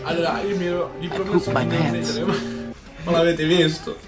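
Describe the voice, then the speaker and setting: A man's voice: on the high side, fairly even intonation, fairly quick. A man in his twenties chatting casually and dramatically as co-host of a video in a small home room. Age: 20s. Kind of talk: casual chat, reaction challenge. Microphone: desk webcam distance. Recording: roomy sound with music behind.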